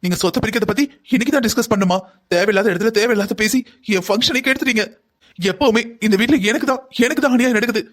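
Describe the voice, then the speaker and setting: A woman's voice: a little high, quick pace, lightly acted. A voice actor playing a pregnant young woman in a cartoon, indignant and complaining. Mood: aggrieved. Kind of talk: cartoon voice acting.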